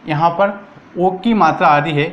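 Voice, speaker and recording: A man's voice: on the high side, measured pace, muffled recording. A man teaching a grammar lesson for exam prep, asking and answering his own questions.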